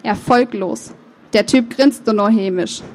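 A woman author reading her novel aloud, with measured, expressive first-person narration and the odd slip of the tongue. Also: medium pitch, a little hiss or hum. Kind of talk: book reading.

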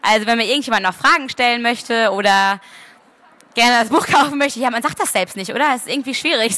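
A woman author reading her novel aloud at a book fair, lively and expressive. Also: fairly high pitch.

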